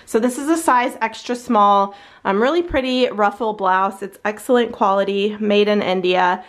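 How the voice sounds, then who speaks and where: A woman's voice: mid-range voice, moderate pace. A woman in her thirties chatting casually through a thrift haul vlog, upbeat, with frequent fillers. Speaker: thrift reseller vlogger. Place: small home storage room with shelves.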